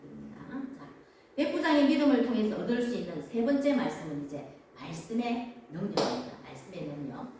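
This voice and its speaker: A woman pastor preaches from across a large church, her voice ringing through a very echoey hall with faint background ambience. Her pitch swings widely as she stresses words through emphatic repetition. She acts out quoted lines in between. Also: expressive, a little fast, recorded from a distance, background noise. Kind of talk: sermon.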